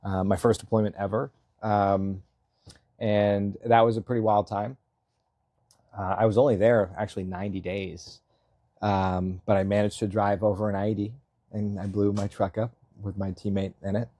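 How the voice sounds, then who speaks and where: A man in his thirties from Massachusetts, a selectboard candidate, talks casually as an interview guest. His voice sits on the low side with little pitch movement, a moderate pace and a dark tone, recorded dry. He rambles and puts himself down, laughing often and using many fillers with frequent chuckles.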